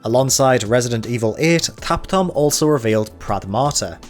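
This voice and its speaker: A man with a Geordie accent talks through a games roundup in a voice of middling pitch. His scripted narration is broken up by dry, wry little jokes. Soft music plays quietly underneath. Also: animated, moderate pace. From North East England. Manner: wry, with dry jokey asides. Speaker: games journalist.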